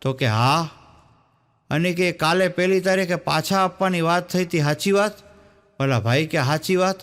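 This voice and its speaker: This man's voice is fairly high and a bit bright and smooth, moving at a moderate pace. He's a stand-up comedian doing Gujarati folk joke telling, narrating his jokes as stories and performing the dialogue himself.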